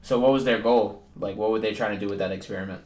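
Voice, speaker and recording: A man's voice: lowish voice, fairly even intonation, fast, a crowd in the background. A young man chatting casually as a podcast panelist in frat-bro slang. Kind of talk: casual chat. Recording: echoey room, faint noise.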